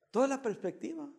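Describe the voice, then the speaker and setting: A pastor from El Salvador giving a joking, teasing sermon with bursts of emphasis. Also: male voice, very high-pitched, gravelly, darkish tone, in a large hall.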